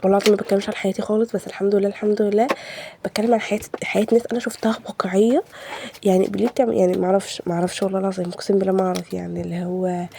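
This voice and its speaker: Fast-talking Egyptian woman with a cold. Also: mid-range voice, level tone, gravelly, warm tone, slight background noise. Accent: Egyptian Arabic. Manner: heated, rhetorical venting with repeated questions. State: has a cold. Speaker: home vlogger. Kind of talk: casual vlog voice-over while cleaning.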